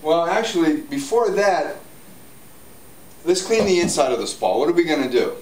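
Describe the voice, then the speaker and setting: With a slightly high voice, lively intonation and normal speed, a hot tub store owner in his forties leads a relaxed, upbeat how-to demo, walking and gesturing as he chats. Slight background noise accompanies the roomy sound of a large indoor spa showroom, captured by a distant tripod camera mic.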